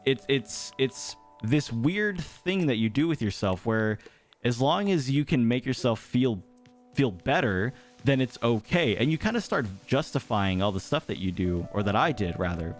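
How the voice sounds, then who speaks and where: A man's voice: mid-range voice, animated, moderate pace, soft background music. A young man giving thoughtful, rambling advice in a casual talk over gameplay, with many fillers and restarts. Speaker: gaming YouTuber.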